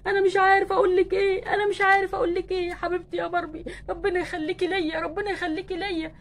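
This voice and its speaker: A woman's voice: high-pitched, quick pace, slight background noise, natural voice. A woman voicing an ailing, remorseful young husband doll in an Egyptian Arabic accent, talking in a plaintive, pleading way. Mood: tearful joy. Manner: plaintive, pleading, tearful when moved. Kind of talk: doll play acting.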